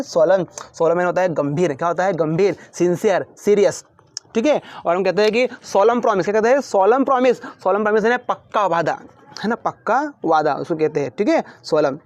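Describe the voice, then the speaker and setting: A man with a high voice teaches English vocabulary, repeating each word and asking it back like a drill. The recording is dry and a little dull, with no room sound. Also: darkish tone, no echo. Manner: repeats each word with call-and-response questions. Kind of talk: Hindi-language English vocabulary lesson.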